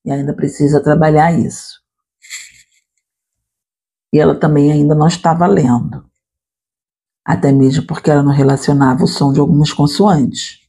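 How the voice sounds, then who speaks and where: Mellow, husky woman teaching. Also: sits low, steady tone, moderate pace, long pauses. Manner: explanatory, addresses listeners directly with frequent "tá?" and "né?". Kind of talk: explanatory lecture.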